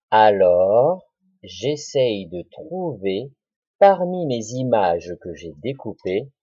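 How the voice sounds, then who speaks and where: A man teaching young children a lesson, talking slowly and deliberately and repeating words and syllables. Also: mid-range voice, dark tone, breathy edge, no echo. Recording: dull lo-fi recording.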